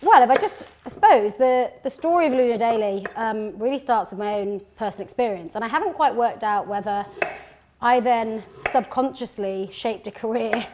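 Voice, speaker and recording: A woman's voice: on the high side, moderate pace, dark tone, slight background noise. A woman from Birmingham in her thirties, a company founder chatting casually while cooking in a home kitchen, full of fillers and restarts. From England (Birmingham).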